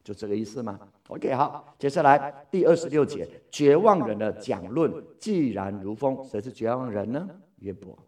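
Lively male Bible teacher, distant mic. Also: medium pitch, moderate pace, few pauses. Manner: lively, asks the listeners questions and answers himself.

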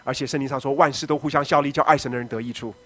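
A middle-aged man, a pastor giving a testimony sermon, telling his story dramatically and moving between loud shouting and quiet, low speech. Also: steady tone, very fast, no room sound.

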